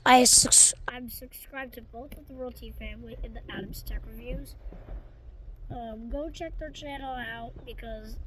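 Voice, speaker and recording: A woman's voice: fairly high pitch, steady tone, unhurried, noisy background. A woman vlogging casually through an unboxing, rambling with lots of restarts, her voice stuffy from allergies.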